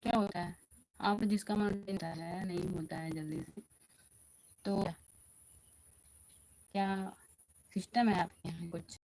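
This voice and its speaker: A woman hosting a casual live stream in a quiet back room of a house, chatting and answering viewer comments. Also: medium pitch, fairly even intonation, takes it slowly, creaky, pauses often.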